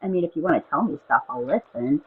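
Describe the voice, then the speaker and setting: A woman's voice: low voice, animated, fast, breathy edge. A woman chatting casually on a stream through a muffled earbud headset mic, hesitant and trailing off mid-sentence. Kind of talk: casual chat. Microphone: wireless earbuds.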